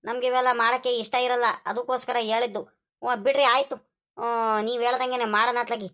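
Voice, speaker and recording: A woman voicing a cheeky, hungry village farmhand who whines and complains, for an animated cartoon. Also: fairly high pitch, close to an everyday voice. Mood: complaining. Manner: whiny, complaining, drawn-out pleading.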